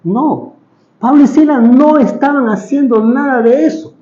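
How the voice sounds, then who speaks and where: High-voiced man preaching in an echoey room. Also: a little slow, warm tone, muffled recording. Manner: asks the listeners rhetorical questions; acts out biblical characters' lines. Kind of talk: sermon.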